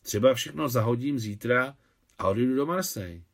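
A man's voice: medium pitch, lively intonation, lightly acted. A man reading the lines of a proud, tense young woman in a novel, polite and pleading.

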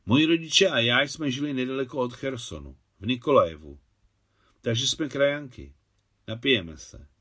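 A man voicing a wealthy, gracious older widow who grew up in Russia, speaking gently and courteously in an audiobook. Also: mid-range voice, animated. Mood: warm.

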